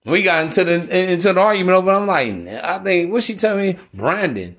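A man's voice: high-pitched, expressive, brisk, a bit bright. A man in his thirties hosting a podcast, talking casually and giving blunt, profane lectures. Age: 30s. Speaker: podcast host.

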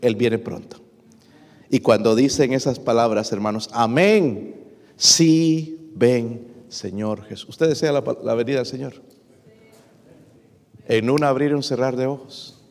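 A man's voice: a little mellow, in a large hall. A middle-aged man preaching a sermon to his congregation, reading scripture verses aloud and calling them brothers, with frequent rhetorical questions. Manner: reads scripture aloud, rising in pitch and force on verses. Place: church.

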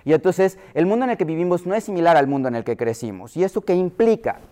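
A man's voice: a little high, lively intonation, fast talker, mellow. Mexico City man lecturing pediatricians. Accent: Mexico City Spanish. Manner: explanatory, acts out quoted voices.

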